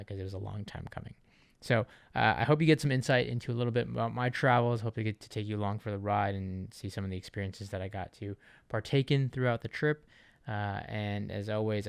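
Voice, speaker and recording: A vlogger and channel host from Okinawa, Japan, talks casually to his viewers, wordy and conversational, often rephrasing himself. His voice is on the low side and gravelly, with no echo.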